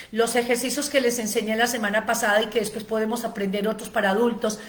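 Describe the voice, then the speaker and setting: A woman giving a spoken lecture on ADHD, explaining at length with frequent "eh" fillers and long lists. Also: medium pitch. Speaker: ADHD educator giving a seminar.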